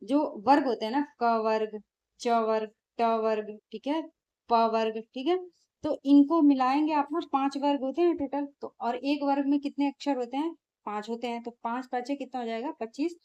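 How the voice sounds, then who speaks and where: A woman's voice: high-pitched, fairly even intonation, normal speed, warm tone, dull audio. A woman teacher, going through exam questions in a lesson and answering her own questions.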